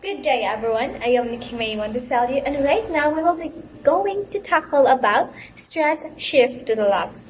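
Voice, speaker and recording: A young woman student presenting a class report, reading her explanations carefully and a little haltingly. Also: high-pitched, lively intonation, slight background noise, low-quality recording. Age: young adult.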